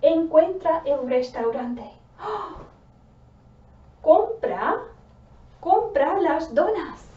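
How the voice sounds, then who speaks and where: Slow, lively woman teacher, roomy sound. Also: high-pitched. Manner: slow, deliberate, theatrical, with gasps and whispered asides. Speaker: language teacher. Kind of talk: slow spoken commands for a vocabulary lesson. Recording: roomy, distant, dull sound.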